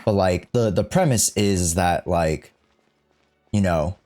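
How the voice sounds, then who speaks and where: A man with a low, slightly mellow voice does casual, slow-paced live-stream commentary on a game. He rambles and reads the game's dialogue aloud as he goes, with game music and dialogue audible behind him.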